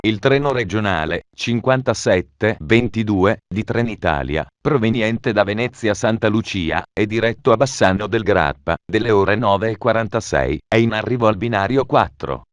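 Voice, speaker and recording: A man's voice making automated train station announcements, formal and measured, with phrases stitched together. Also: fairly low pitch, expressive, no room sound.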